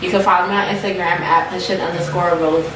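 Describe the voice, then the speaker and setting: A young adult woman speaking in a relaxed, amused way in a casual group chat. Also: fairly low pitch, fast, a crowd in the background. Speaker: guest. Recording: echoey room from a distant mic.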